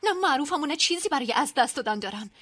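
An actress playing an angry, defiant young songwriter who speaks sharply and combatively in a dubbed drama. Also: female voice, high-pitched, expressive, a bit bright, dry recording.

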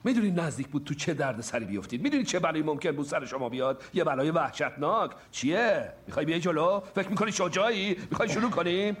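A man's voice: a little high, expressive, fairly bright tone, slightly rough. A middle-aged man playing a well-meaning stepfather in a dubbed film. He makes big threats and then backs down sheepishly. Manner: boastful threats that quickly turn sheepish. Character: well-meaning, blustering stepdad, adult man.

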